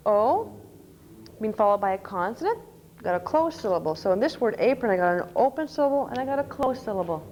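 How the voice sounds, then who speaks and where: A woman's voice: a little high, expressive, a little fast, darkish tone, muffled recording, slight background noise. A woman presenting a conference workshop on teaching reading, explaining step by step and spelling out letters. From Canada. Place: conference session room. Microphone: microphone.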